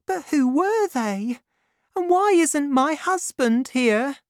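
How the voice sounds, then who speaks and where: Woman doing a scared young lady, voice way up high and pleading, lots of swing in it, dry close sound. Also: animated, slow, no room sound. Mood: anxious.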